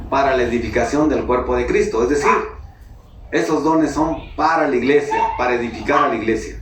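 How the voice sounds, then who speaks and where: A man from Mexico preaches to his congregation, chatty and personal, often stopping to ask them questions. He is heard from some distance in a roomy, echoing church hall. A faint hum of the room sits behind him. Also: a little high. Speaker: pastor. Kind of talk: sermon. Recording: echoey hall, mic at a distance.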